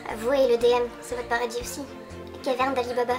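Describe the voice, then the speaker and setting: Talking quickly over music, this young vlogger from the French side of the German border delivers a playful, teasing comic monologue aimed directly at viewers. Her voice is on the high side with little pitch movement.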